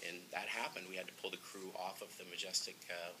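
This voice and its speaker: Low-voiced male director, earnest and halting, interviewed over clear background noise. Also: level tone. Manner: earnest, gets emotional, frequent ums and uhs. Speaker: film director. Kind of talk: interview, storytelling.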